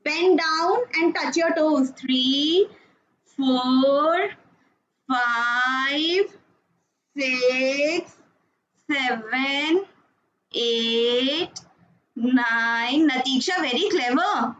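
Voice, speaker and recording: A woman's voice: high voice, drawn-out words, long pauses, fairly bright tone. A woman teaching an online class for children, encouraging and coaxing them with frequent praise. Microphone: video call. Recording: dull video-call audio with noise.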